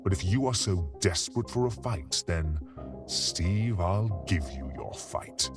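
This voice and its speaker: Guy doing a cold game bad guy, deep voice, threatening and full of contempt, music under it. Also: lively intonation, a little slow. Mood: cold, menacing. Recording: music behind the voice.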